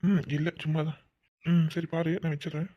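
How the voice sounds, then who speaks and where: A man voicing dramatic cartoon dialogue in a rapid, pleading way. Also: on the high side, level tone, muffled recording. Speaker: cartoon voice actor.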